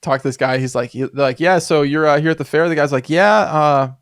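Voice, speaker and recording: A man's voice: fairly high pitch, brisk, smooth, no echo. Rambling man on a dry podcast mic. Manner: rambling, many fillers and restarts, animated retellings. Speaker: podcast co-host. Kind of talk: casual chat.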